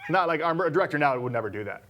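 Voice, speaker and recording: A man's voice: on the high side, expressive, racing, a bit bright, slight background noise. A man co-hosting a local talk show, chatting casually, teasing and laughing often as he talks to viewers. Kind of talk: casual chat.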